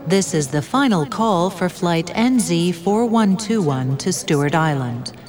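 A woman playing a formal airport gate announcer with a measured public-address delivery. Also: lowish voice, expressive, music in the background. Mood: formal, insistent.

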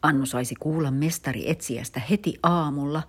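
A woman with a low, slightly husky voice reads a children's story aloud. Her delivery is expressive and her pitch moves a lot. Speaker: narrator.

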